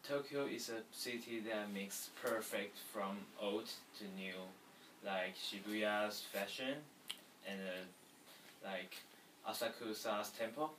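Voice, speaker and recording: A young man student talking in a small room, plain and slightly halting. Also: lowish voice, background noise. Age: young adult. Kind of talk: casual vlog talk. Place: small indoor room against a wall. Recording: roomy, distant from the mic.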